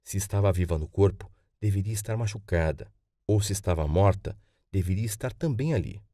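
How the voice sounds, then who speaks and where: A man from Brazil narrating an audiobook in first person, measured and expressive. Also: sits low, dry recording, studio quality.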